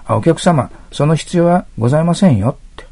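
Gravelly male english teacher, dark husky voice, walks thru exam questions step by step. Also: a little high, lively intonation, a little fast. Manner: explains step by step, asks listeners to mark text. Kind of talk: exam prep lecture.

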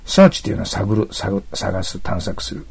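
Gravelly low-voiced man teaching English. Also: lively intonation, normal speed, darkish tone. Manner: explains step by step, asks listeners to mark text. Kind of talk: exam prep lecture.

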